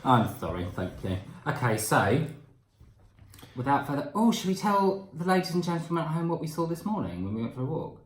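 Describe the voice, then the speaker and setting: A man's voice: a little high, very animated, brisk. A man hosting a book channel, chatting casually to camera, teasing his partner and laughing often. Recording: echoey room.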